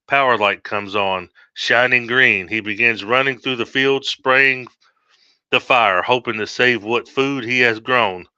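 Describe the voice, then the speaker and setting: A man's voice: mid-range voice, sharp tone, clear, resonant tone, no echo. A man reading his own horror story aloud steadily, with small slips, on a dull lo-fi recording.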